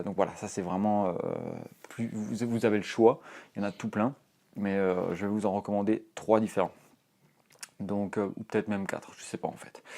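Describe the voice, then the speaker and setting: Young man, fairly low voice, casual rambling fitness advice, lots of fillers. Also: a little mellow. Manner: rambling, many fillers and restarts. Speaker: fitness vlogger.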